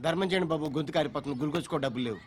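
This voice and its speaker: An actor playing a beggar who whines and then turns defiant in a comic film scene. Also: male voice, a little high, very fast, slight background noise, close to an everyday voice.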